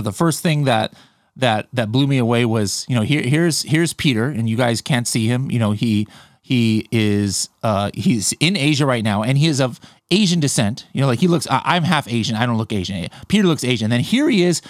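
A man's voice: mid-range voice, dry recording, clean studio sound. A man hosting an unscripted podcast interview, talking loosely with lots of fillers and restarts. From United States. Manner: rambling, with many fillers and restarts. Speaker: podcast host.

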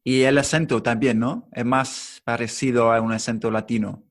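A man hosting a casual interview, asking short, relaxed questions. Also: mid-range voice, moderate pace. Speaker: interviewer host.

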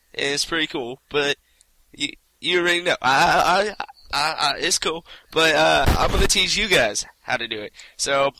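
A man's voice: on the high side, sharp tone. A man putting on a Southern accent as a folksy how-to show host, rambling and tripping over part names. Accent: put-on American Southern.

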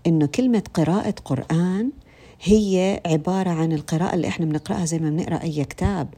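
Low-voiced Levantine woman giving a religious talk. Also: mellow, slightly rough. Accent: Levantine Arabic. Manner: conversational, many fillers and restarts, addresses listeners directly. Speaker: religious speaker.

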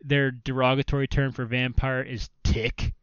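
A man chatting casually on a podcast, rambling and filling his sentences with "like". His voice is smooth and clean, recorded dry and a little dull. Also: medium pitch, level tone, moderate pace, dry recording. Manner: rambling, filler-heavy, restarts often. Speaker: podcast co-host. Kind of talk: casual chat about video games.

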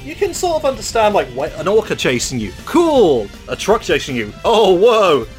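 Guy on a podcast, playful and jokey, voice bounces around a lot, higher pitched. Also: fast talker, over music. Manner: lively, playful, jokey asides. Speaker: podcast co-host. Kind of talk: casual chat about games.

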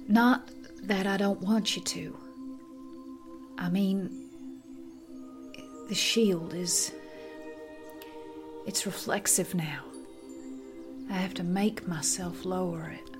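A man's voice: sits high, fairly even intonation, slow, pauses often, voice pushed up. A man voicing a tough, wry young woman gunslinger, drawling in a raised voice over background music. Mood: guarded. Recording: music behind.

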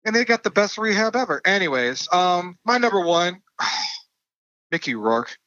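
A man's voice: high voice, sing-song, measured pace, sharp tone, dry recording, lo-fi sound. A man co-hosting a podcast, talking through a movie casually with lots of fillers and restarts. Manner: rambling, many fillers and restarts. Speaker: podcast co-host.

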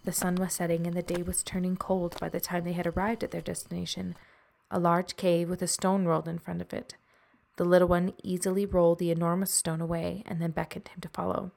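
A woman with a low voice and a gravelly fry narrates a spooky short story. Her reading is even and measured, and she takes a friendly tone as podcast host.

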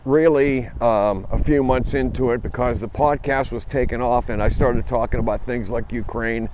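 A man records his podcast on a phone instead of in a studio. He speaks at an ordinary pitch and rambles, stopping and restarting often. Wind and passing vehicles are clearly heard throughout the recording. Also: fairly even intonation. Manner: rambling, halting with frequent fillers and restarts. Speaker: podcast host. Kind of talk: casual spoken monologue.

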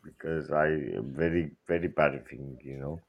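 A man from the United Kingdom calling in to a show, telling deadpan, absurd jokes in broken English. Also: rumbling low, measured pace, gravelly, husky. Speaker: caller, fellow podcaster. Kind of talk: joking call-in banter.

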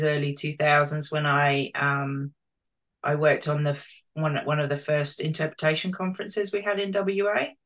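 This is a woman in her fifties from London, England, speaking with a British accent in a deep, slightly bright voice. She works as an interpretive planner and tourism marketer and is answering questions in a casual, conversational interview.

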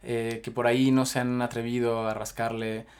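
With a flat delivery and a clean, mid-range voice at moderate pace, a podcast host with a Mexican accent introduces his guest at great length, rambling through a casual interview with plenty of fillers.

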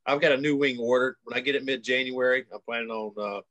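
A man chatting in a relaxed, easygoing way about learning to fly. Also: mid-range voice, quick pace. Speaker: paramotor pilot. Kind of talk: casual chat.

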